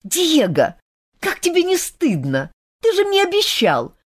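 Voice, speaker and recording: A woman voicing an indignant young woman who scolds in a high, pleading voice. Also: huge pitch swings, measured pace, full character voice.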